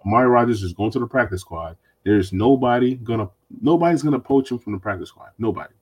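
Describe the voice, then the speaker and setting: A man's voice: medium pitch, expressive, fast talker, slightly rough. A man hosting a sports podcast, chatting casually and animatedly, with mocking voices when he quotes others. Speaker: podcast host.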